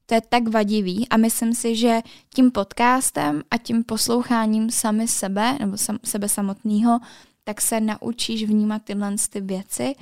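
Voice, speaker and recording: A woman's voice: fairly high pitch, steady tone, darkish tone, no room sound. Hesitant, rambling podcast woman, dry sound. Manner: talkative, hesitant, full of fillers and restarts. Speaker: podcast co-host. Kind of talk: casual podcast chat.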